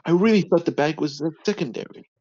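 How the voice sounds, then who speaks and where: A man's voice: on the high side, fast, a little mellow, dry recording. Earnest man playing a tabletop game. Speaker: player. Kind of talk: in-character role-play. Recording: dry, dull lo-fi mic.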